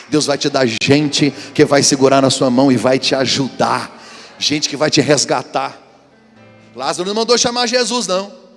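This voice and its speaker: A man from Brazil, a pastor preaching an animated sermon and acting out quotes in high voices. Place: church hall. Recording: echoey hall with long reverb.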